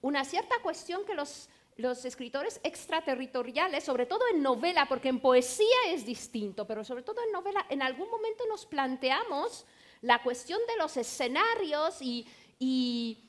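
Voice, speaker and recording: A middle-aged woman novelist, Romanian by first language, speaks Spanish on a literary panel in a high-pitched voice with big pitch swings at normal speed. Her conversational panel talk is animated storytelling sprinkled with playful asides.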